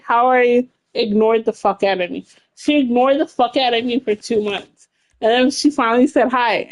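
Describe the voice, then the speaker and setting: A woman in her late thirties streams games and chats casually with her live chat, blunt, laughing often and swearing plenty. Her voice is on the high side, and the recording quality is low.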